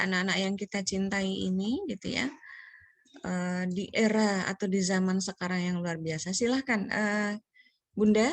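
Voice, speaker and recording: A woman's voice: mid-range voice, no echo. A woman moderating an online parenting webinar, politely reading out audience questions with many hesitant fillers over a video call.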